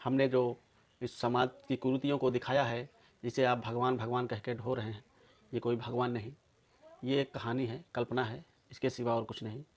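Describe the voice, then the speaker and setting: Male commentator, mid-pitched, emphatic, accusing delivery straight to camera audience. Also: little pitch movement, moderate pace. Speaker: video commentator. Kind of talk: polemical monologue to viewers.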